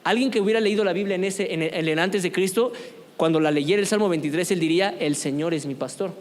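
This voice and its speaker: Guy teaching a church youth class, high voice, asks the room stuff, big hall echo. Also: quick pace. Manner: conversational, asks the group questions. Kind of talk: church youth lesson on apologetics.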